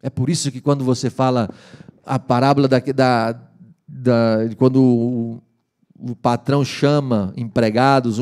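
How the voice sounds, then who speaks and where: A man preaching a sermon in a lively way, acting out the voices he quotes. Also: medium pitch. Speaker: pastor. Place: church hall.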